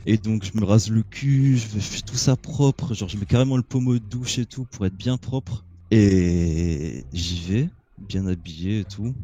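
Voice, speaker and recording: A man with a warm, dark, lowish voice recounts an embarrassing story in relaxed chat. He talks loosely and crudely, often breaking into laughter. The tone stays casual and unhurried. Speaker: caller telling a story.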